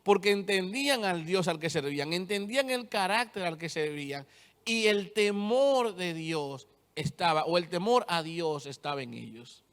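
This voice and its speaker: A young male preacher with a fairly high voice delivers a sermon, retelling scripture and pressing each point home with firm, repeated statements. His words ring out with a long reverb, as in a church hall. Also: lively intonation, moderate pace, a bit bright, clear, resonant tone.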